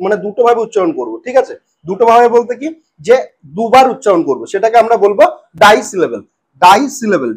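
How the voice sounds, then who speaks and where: High-voiced man teaching a lesson. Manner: repeats words slowly and checks in often. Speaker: English teacher. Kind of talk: spoken lesson.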